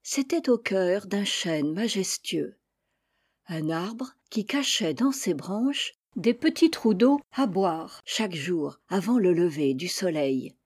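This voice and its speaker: A woman reading a children's story aloud with gentle, measured narration. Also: on the low side, expressive, breathy edge.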